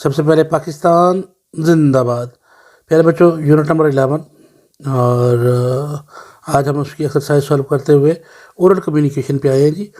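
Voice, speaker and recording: A man with a Pakistani accent teaching a lesson to children, slowly and patiently reading out English definitions word by word. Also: on the high side, steady tone, a little mellow. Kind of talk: classroom lesson explaining to children.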